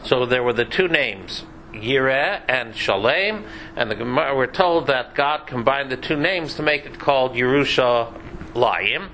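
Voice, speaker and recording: A man's voice: medium pitch, lively intonation, a little slow, sharp tone, a little hiss or hum, rough recording. A man giving a conversational Bible class lecture, chatty and sprinkled with dry joking asides. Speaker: Bible teacher.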